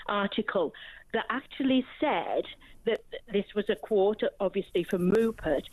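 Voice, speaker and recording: A woman's voice: medium pitch, a little mellow, no echo. A woman with a Teesside accent calling a radio phone-in to give her opinion in a casual way. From northeast England. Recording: tinny, dry phone line.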